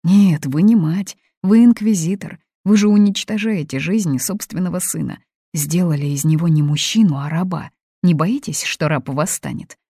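A woman's voice: low voice, animated, moderate pace, gravelly, mellow, slightly rough, no echo, studio quality, heavily acted. Woman reading an earnest young heroine. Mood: indignant. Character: young Russian woman visiting, indignant but restrained.

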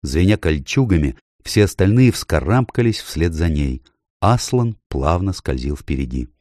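Deep mellow guy reading an audiobook, measured and expressive, dry close mic. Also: dry recording. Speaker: audiobook narrator. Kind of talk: scripted audiobook narration.

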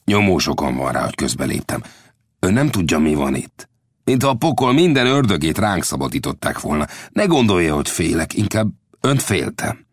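A man's voice: deep voice, very animated, breathy edge, no echo, clean studio sound, exaggerated voice. A man voicing a cautious, widowed middle-aged blacksmith in an audiobook, earnest and warning. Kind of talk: audiobook character voice.

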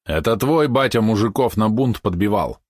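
A man's voice: on the low side, animated, moderate pace, darkish tone, no room sound, studio quality. A man reading aloud, voicing a tall, menacing village boy who hurls accusations. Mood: accusing. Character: tall bullying village boy, angry and threatening.

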